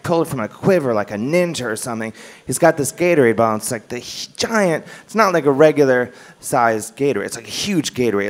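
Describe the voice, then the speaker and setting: Male stand-up with a middle-pitched voice: rambling, self-mocking, filler-heavy storytelling. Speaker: stand-up comedian. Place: comedy club stage.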